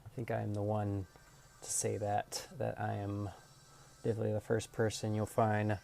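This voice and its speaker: A man's voice: lowish voice, completely flat delivery, normal speed, creaky, mellow. A man streaming live, chatting casually and thinking aloud as he works, now and then scatting a beatbox. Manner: scat-beatboxes between remarks.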